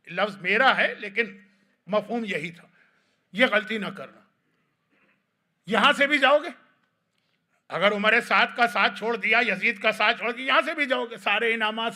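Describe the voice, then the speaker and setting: Very high, bright-voiced male preacher. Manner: emotional storytelling, voice rising and sinking. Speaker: religious scholar. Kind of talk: mourning sermon narration. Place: mosque hall.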